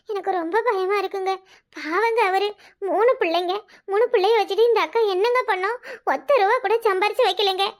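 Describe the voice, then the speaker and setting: A woman voicing a fretful, high cartoon village wife. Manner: fretful, pleading. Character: anxious village wife begging her husband for help. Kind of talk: cartoon voice acting.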